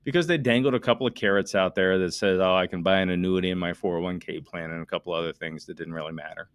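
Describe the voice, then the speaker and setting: Emphatic lawyer man, low and dry. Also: steady tone, fast, no room sound. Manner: emphatic, talks directly to listeners; works through numbers out loud, rhetorical questions. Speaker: estate planning attorney, podcast host. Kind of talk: explanatory monologue.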